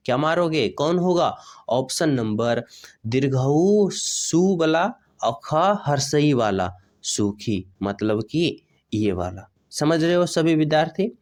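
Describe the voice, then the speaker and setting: A man teaching an exam-prep grammar lesson, often asking his students questions and repeating the answers back. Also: medium pitch. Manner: repeats questions to students, checks "samajh rahe ho?".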